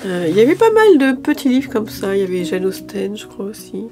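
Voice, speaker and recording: A woman's voice: mid-range voice, sing-song, a little fast, warm tone, soft background music. A woman chatting casually through a shopping haul video, a little tired, hesitant, with many fillers and restarts. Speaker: lifestyle vlogger.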